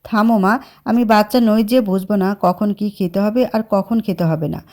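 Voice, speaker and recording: A woman's voice: medium pitch, fairly even intonation, normal speed, darkish tone, close to an everyday voice. Woman doing a bossy hot-tempered young man. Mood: angry. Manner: bossy, scolding. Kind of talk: dramatized story reading.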